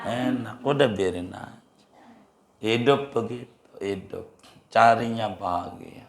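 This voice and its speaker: Slow, joking preacher in echoey hall. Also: male voice, medium pitch. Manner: jokey, repeats phrases and asks the audience rhetorical questions. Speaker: Islamic preacher. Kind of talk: sermon with humorous storytelling. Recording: roomy echo of a hall.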